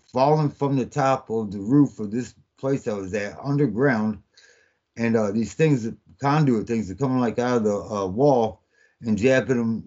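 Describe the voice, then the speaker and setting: A man calling in to a podcast, talking in a halting, rambling way with many fillers, over a phone line that keeps cutting out. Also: on the low side, darkish tone. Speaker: podcast guest on a phone call. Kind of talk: casual rambling account.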